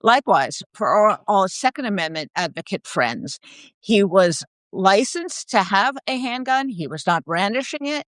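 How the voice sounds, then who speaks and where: A woman hosting an interview, firm and measured in her questions. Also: mid-range voice, lively intonation, fairly bright tone, no room sound. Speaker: host.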